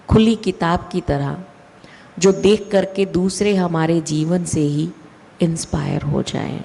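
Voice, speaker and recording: A woman giving a slow, deliberate spiritual talk with emphatic rises in her voice. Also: low-pitched, gravelly, a little mellow, slight background noise. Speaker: spiritual speaker. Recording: long hall reverb.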